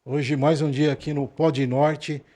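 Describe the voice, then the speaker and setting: Casual male podcast host, warm mellow tone, chatty. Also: fairly high pitch, flat delivery, measured pace. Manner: loose, chatty, many fillers.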